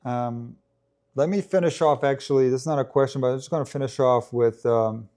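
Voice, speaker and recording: Talking a little fast in a medium-pitched, darkish voice, this man, a tennis coach and live-stream commentator, answers viewer questions in a loose, casual way. His speech wanders, with restarted sentences and plenty of ums.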